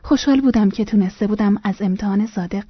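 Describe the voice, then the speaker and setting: A woman reading a first-person memoir aloud in a soft voice that often drops almost to a whisper. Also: medium pitch, muffled recording, background noise. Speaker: narrator.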